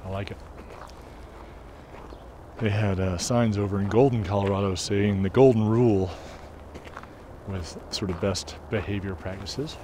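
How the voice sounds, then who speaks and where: Walking across a snowy campus, a tour guide narrates casually, musing aloud and unsure of building names. His fairly low voice holds a fairly even intonation, unhurried and broken by long pauses. The camera he carries picks up outdoor wind and traffic noise.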